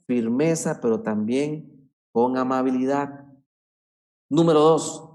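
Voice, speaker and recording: A man's voice: fairly high pitch, mellow. A man giving an earnest teaching talk to parents, stressing points and repeating them. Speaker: speaker on parenting.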